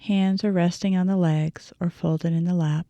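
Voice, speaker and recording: A meditation teacher guides a meditation in a soft, mellow, slightly low voice with a steady tone. She gives gentle instructions with deliberate pauses, and the sound is close and dry.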